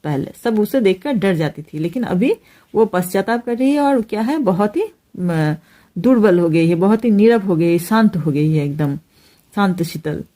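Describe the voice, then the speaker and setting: A woman teacher explaining a Hindi poem line by line, pausing often with fillers. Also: mid-range voice, animated, warm tone. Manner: hesitant, many fillers, explains each phrase.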